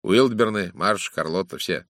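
A man's voice: low voice, unhurried, a bit bright, no room sound, studio quality. A man voicing a flustered, defensive young male actor who protests his innocence. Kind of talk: audiobook character reading.

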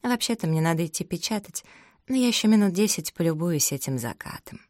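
A woman voicing a calm, reserved female secretary who speaks in a measured way. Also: on the low side, no room sound, studio quality, natural voice.

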